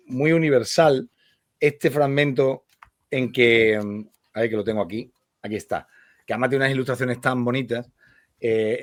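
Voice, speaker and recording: A man's voice: mid-range voice, no echo. Hesitant male radio host, dry sound. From Spain. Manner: hesitant, with many fillers and restarts. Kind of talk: relaxed radio conversation and reading aloud.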